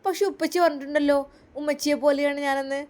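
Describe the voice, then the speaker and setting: A woman's voice: sits high, fast talker, lightly acted. A woman voicing a small curious girl with a Malappuram accent, asking eager questions. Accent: Malappuram Malayalam. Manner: excited, questioning.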